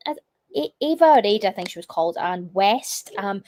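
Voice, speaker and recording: A young woman hosting a casual livestream, chatty and full of fillers, her voice still a little croaky from a cough. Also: medium pitch, lively intonation, fairly quick, darkish tone. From United Kingdom. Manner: chatty, reads chat comments aloud, many fillers. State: slightly croaky from a lingering cough. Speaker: livestream host.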